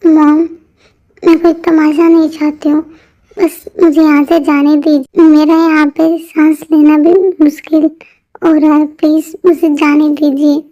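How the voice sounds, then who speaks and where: A woman voicing a heartbroken young wife in an amateur fan dub drama, talking slowly and emotionally. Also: high voice, flat delivery. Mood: tearful pleading. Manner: pleading, emotional, slow. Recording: muffled lo-fi audio with soft music.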